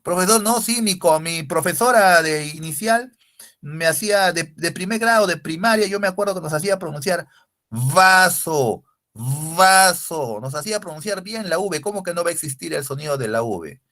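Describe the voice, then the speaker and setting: A man's voice: sits high, fairly quick, a bit bright, voice pushed up. A man playing a curious young student girl. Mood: insistent. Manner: puzzled, questioning, insistent.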